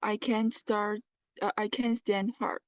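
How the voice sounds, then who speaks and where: Hesitant woman learner, slow and halting. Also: medium pitch, level tone, dry recording, muffled recording. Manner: halting, hesitant, with many fillers. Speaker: English learner. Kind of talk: speaking test practice answers.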